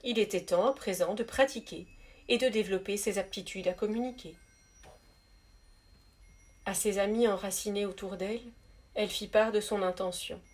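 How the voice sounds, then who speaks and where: A woman reading a spiritual story aloud in a soft, measured, gentle narrating voice. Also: medium pitch, fairly even intonation. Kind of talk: calm read-aloud storytelling.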